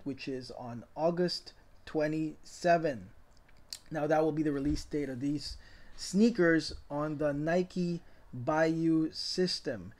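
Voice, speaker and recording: A middle-aged man, a sneaker reseller, giving casual voice-over commentary in a rambling, enthusiastic way with many fillers. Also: fairly high pitch. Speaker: sneaker reseller and channel host.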